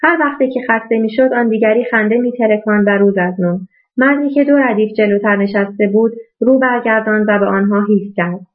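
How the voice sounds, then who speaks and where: Woman narrating a novel over a phone-like line. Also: medium pitch. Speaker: audiobook narrator. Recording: tinny phone-like sound.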